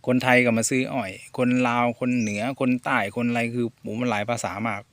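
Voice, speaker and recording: This Thai sugarcane farmer from Korat speaks at medium pitch with little pitch movement, fairly quickly and with a fairly bright tone, in a dry recording. Out in a farm field, he chats easygoingly in a loose, meandering vlog, chuckling along. His Korat (Nakhon Ratchasima) Thai accent is sprinkled with Isan/Lao words.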